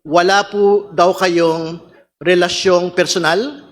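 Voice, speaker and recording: A man with a Filipino accent and a fairly high voice. He questions formally as a congressman in a hearing, choosing his words deliberately and often halting between them. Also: fairly even intonation. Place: legislative hearing room, over microphone.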